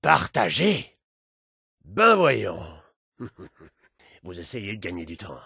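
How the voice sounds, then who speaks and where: An actor playing a menacing, foul-mouthed raider leader in a video game, sneering and sarcastic, with a raspy, gravelly voice. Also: male voice, on the low side, huge pitch swings, drawn-out words, bright, forceful tone, no room sound, studio quality, exaggerated voice.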